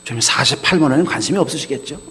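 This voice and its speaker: A man's voice: medium pitch, very fast, sharp tone. A male pastor preaching a sermon, acting out the voices of the people he quotes as dialogue. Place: chapel. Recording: reverberant chapel hall.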